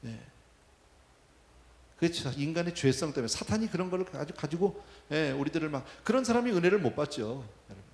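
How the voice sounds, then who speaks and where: Gravelly-voiced preacher in an echoey church. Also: male voice, fairly high pitch, very animated, a little fast, darkish tone. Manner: asks the congregation questions, conversational. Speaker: pastor. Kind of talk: sermon.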